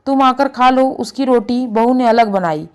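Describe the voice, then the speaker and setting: Middle-aged village aunt in a storybook reading , read by a woman, weary and dismissive, voice a bit high. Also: unhurried, darkish tone, clean tone, lightly acted. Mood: resentful.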